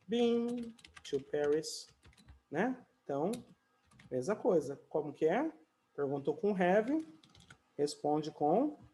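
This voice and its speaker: A man from Brazil teaching English in an online conversation class. He talks in a chatty way, fills his pauses with "né" and "ó", and sings or draws out his English example sentences. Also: fairly high pitch, a little mellow.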